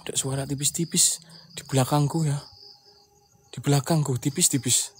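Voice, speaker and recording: A young man hosting a live ghost-hunting stream, calling out to spirits in an abandoned building, murmuring low and then suddenly loud and startled. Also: steady tone, normal speed, slight background noise. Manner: calls out to spirits, swings between hushed murmurs and startled loud outbursts. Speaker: ghost-hunting livestream host. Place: abandoned building at night, crickets outside.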